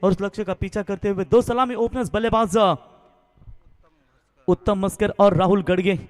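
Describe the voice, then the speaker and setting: Excited indian guy from maharashtra accent-wise doing live cricket commentary, high voice, big echoing reverb on it. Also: moderate pace. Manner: excited, raised calls on big shots. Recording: long hall-like PA reverb.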